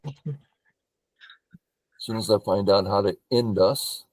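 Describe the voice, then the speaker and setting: A man's voice: on the low side, fairly even intonation, slow pace, darkish tone, no room sound. A man hosting a casual session, speaking conversationally. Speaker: session host.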